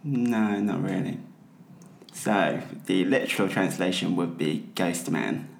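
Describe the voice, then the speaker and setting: A man's voice: low voice, slow, vocal fry. A man who is a podcast guest, chatting casually and often laughing as he talks. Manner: amused, laughs mid-sentence. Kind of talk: casual chat. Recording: roomy echo.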